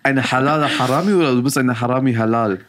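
A young man co-host speaks in casual slang, working out his thoughts aloud. His pitch is medium and the sound is close and dry. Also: fast, fairly bright tone, no echo. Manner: slangy, informal, thinking aloud. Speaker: podcast co-host. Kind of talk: casual chat.

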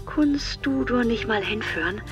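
A woman's voice: a little high, unhurried, over music, close to an everyday voice. An actress playing a fussy, suspicious older mother who speaks in a film drama. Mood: fretting. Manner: gossipy, fretting.

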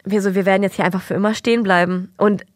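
A woman's voice: medium pitch, fast, no room sound, studio quality. A young woman co-hosting a podcast, casually telling a long anecdote, acting out family members' lines and mixing in English words. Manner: animated anecdote-telling with quoted voices and English words mixed in. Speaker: podcast co-host. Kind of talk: casual chat, storytelling.

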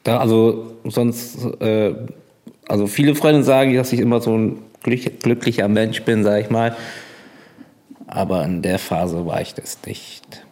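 A man from Bremerhaven chats in a relaxed, plain-spoken way, often breaking into easy laughter. His delivery is unpolished and friendly, with plenty of fillers and restarts. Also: on the low side, a little slow. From Bremerhaven, Germany. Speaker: podcast guest. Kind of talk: casual conversation.

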